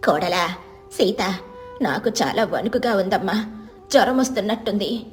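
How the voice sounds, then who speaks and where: Lady voicing a shaky tearful grandma type, pleads gently, deeper and softer than the narrator. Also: lively intonation, normal speed, faint music behind, lightly acted. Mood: pleading. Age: 70s. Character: frail elderly mother-in-law, meek and tearful.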